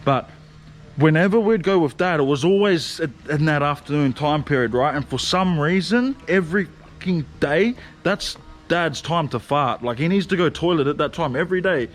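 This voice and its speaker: A man's voice: fairly high pitch, expressive, normal speed, faint music behind. A young man telling stories in a casual, slangy vlog, swearing and laughing often. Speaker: vlogger. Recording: faint background noise.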